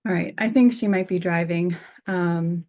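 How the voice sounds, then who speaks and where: A woman's voice: fairly low pitch, steady tone, normal speed, darkish tone. A woman hosting a workshop on a video call, inviting each participant to share in a friendly way. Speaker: host, workshop facilitator. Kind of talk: leading introductions on a video call.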